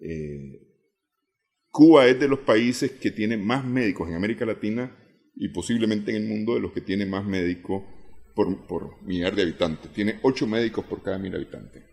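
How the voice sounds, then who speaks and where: A man with a Nicaraguan accent, an analyst on a talk show, speaking in a measured way and often repeating words as he works through figures. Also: fairly low pitch, creaky, a little mellow. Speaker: political analyst guest.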